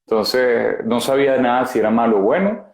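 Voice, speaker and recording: A man in his thirties with a Venezuelan accent, a guest speaking frankly and haltingly about his past over a video call. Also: mid-range voice, a little mellow, reverberant. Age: 30s. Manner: frank, halting, many fillers. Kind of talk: candid personal testimony.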